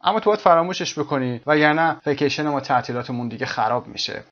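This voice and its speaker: A man teaching an English lesson, repeating phrases slowly and then explaining them. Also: on the high side, a bit bright, highs cut off. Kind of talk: language lesson explaining a text.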